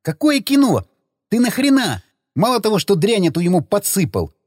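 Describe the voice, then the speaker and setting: A man doing a high, flustered young man. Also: huge pitch swings, moderate pace, husky, no echo, clean studio sound, full character voice. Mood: exasperated. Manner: exasperated, whiny.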